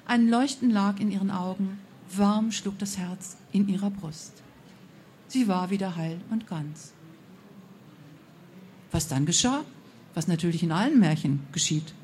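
A woman telling a fairy tale aloud, expressive, with a few slips and self-corrections. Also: mid-range voice, unhurried, pauses often, a little hiss or hum. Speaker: storyteller.

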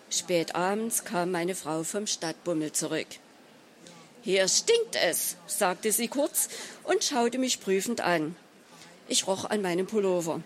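A woman reading a humorous short story aloud in a measured, dry storytelling manner. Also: mid-range voice. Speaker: story reader.

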